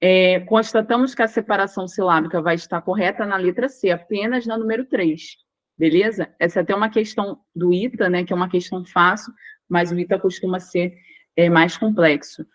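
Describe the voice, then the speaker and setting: A woman's voice: on the low side, fairly quick, poor audio. A young Brazilian woman teaching a Portuguese grammar lesson for exam prep. She works through each word step by step, leans on stressed syllables and keeps checking in with her students.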